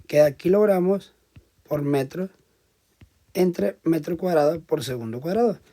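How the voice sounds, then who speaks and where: A male teacher lectures in a voice that sits a little high. He works through each step and keeps turning to the class with short questions. His volume swings from loud emphasis to quiet asides. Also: measured pace. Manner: explains step by step, checks in with frequent questions to the class.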